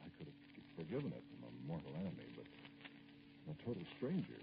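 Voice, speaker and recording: This old radio drama features a male actor as an aggrieved, dignified politician in middle age, brooding as he speaks to a caller. The very deep, gravelly voice is exaggerated, with big pitch swings, carrying wounded indignation. His delivery is formal, hesitant and pointed, broken by pauses, and the vintage recording is noisy and dull.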